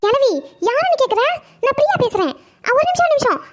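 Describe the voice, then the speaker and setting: A woman's voice: very high voice, sing-song. A woman voicing a cheeky young woman who teases an old grandmother over the phone in a cartoon comedy. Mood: teasing. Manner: teasing, cheeky, quick.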